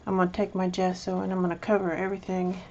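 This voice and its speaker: Gravelly, flat-toned woman crafting vlogger. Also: fairly low pitch, fast talker, lo-fi sound, very noisy. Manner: rambling, hesitant, chatty with many restarts. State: mouth full of candy. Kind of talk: casual show-and-tell craft video.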